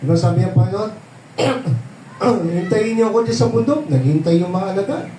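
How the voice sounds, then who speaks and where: A man's voice: sits high, expressive, roomy sound, distant mic, noisy background. A man preaching a Bible sermon at a prayer meeting, explaining patiently and often checking in with the congregation by asking them questions. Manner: explains slowly, asks "di ba?" often, mixes in English phrases. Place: church hall.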